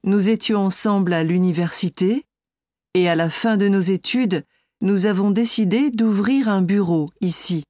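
A woman's voice: mid-range voice, unhurried, warm tone, no echo, studio quality, natural voice. A woman playing a composed architect. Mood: calm. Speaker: architect being interviewed. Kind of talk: scripted exam listening dialogue.

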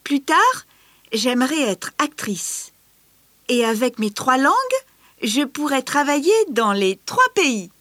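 A woman playing a lively trilingual teenage girl who dreams of acting, speaking slowly and clearly for a language course. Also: high-pitched, no room sound, exaggerated voice. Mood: chatty. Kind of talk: scripted language-course recording.

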